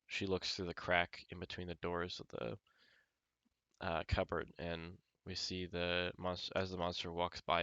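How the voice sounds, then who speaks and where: A man pitching a film story scene by scene, halting often with ums and uhs and reading the characters' lines in the same plain voice. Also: pushed and bright, clear, resonant tone, dry recording, highs cut off.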